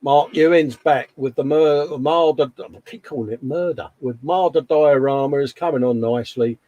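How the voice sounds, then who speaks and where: A man's voice: medium pitch, normal speed, mellow, no room sound, lo-fi sound. A man co-hosting a casual hobby show, reading out posts in a chummy, colloquial way, often calling people mate. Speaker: co-host of a hobby live show.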